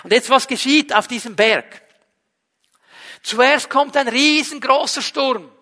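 A man preaches with a high, bright, ringing voice, dropping from loud emphatic lines to a hushed near-whisper. His words carry a long reverb from a church hall. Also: takes it slowly. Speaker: pastor. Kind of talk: sermon.

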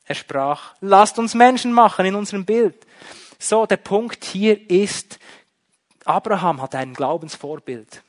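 A man preaching a sermon, emphatic, shifting between loud and soft. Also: sits high, animated, measured pace. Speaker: pastor.

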